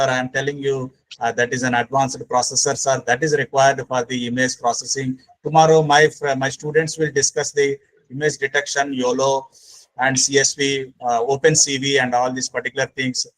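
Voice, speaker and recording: Over an online call microphone with rough sound quality, a man with an Indian accent lectures at a faculty training session. His voice is medium-pitched, flat and fairly bright at a moderate pace, and he explains emphatically and repetitively, often calling the listener "sir."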